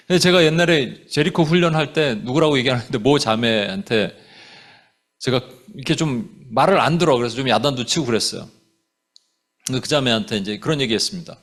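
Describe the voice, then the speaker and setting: A man preaching a sermon as a pastor, animated, dropping English phrases into his talk. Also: medium pitch. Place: church sanctuary.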